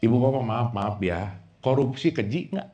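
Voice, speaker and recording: Animated man preaching with tinge. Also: medium pitch, moderate pace, faint music behind. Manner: joking, quizzes the audience with questions. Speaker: Islamic preacher. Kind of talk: lively sermon to a live audience.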